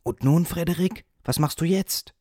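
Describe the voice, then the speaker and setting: A man putting on a squeaky little storybook mouse chorus, eager and nosy, raised voices, always asking. the room sounds dry and close. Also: moderate pace, dark tone, no echo, close to an everyday voice. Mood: questioning. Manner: high, pleading questions. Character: chorus of small eager field mice.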